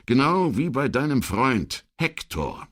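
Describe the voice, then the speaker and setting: A man's voice: medium pitch, big pitch swings, slow, voice pushed up. A man voicing a middle-aged pathologist who speaks tersely and guardedly on the phone. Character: dry, curt male pathologist, middle-aged.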